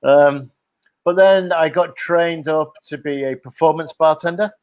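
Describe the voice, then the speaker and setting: A middle-aged Liverpool man with a Liverpool accent speaks at a measured pace in a slightly high voice, recorded dry and lo-fi. He's a hospitality company director appearing as a guest on a casual video-call interview podcast, telling stories in a chatty, jokey way with lots of "uh" and "um".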